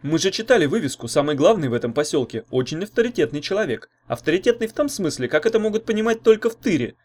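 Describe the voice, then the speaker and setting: A man's voice: a little high, very animated, fast talker, a little mellow, voice pushed up. A man reading an audiobook, voicing a sly teenage boy magician who explains matter-of-factly. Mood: explaining.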